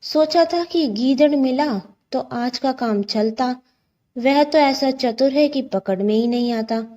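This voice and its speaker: A woman voicing a hungry, scheming male crocodile in a storybook lesson, speaking in a slow, pleading way. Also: high voice, dark tone, lo-fi sound. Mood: grumbling.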